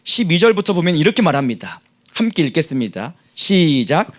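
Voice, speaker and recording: A man's voice: a little high, big pitch swings, a little fast. A male pastor preaching a sermon at a prayer meeting, emphatic and leading the congregation in reading scripture aloud.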